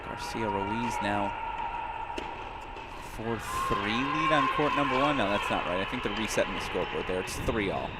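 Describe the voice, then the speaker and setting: A man giving brisk, energetic live tennis play-by-play, rising to shouts on key points. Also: on the low side, heavy background noise. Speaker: tennis commentator.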